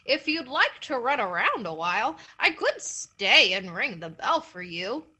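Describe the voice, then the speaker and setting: A hungry, easily fooled male coyote from a told folktale, yipping eagerly between words in a high, swooping, bright voice, as a woman storyteller puts him on. He sounds loud and pushy, greedy but a little slow on the uptake. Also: breathy edge, exaggerated voice. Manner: yips excitedly between words.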